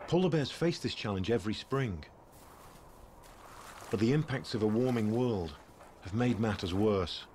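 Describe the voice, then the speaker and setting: A man delivers scripted nature documentary narration in a measured, storytelling way. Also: lowish voice, animated, darkish tone, slight background noise. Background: background music.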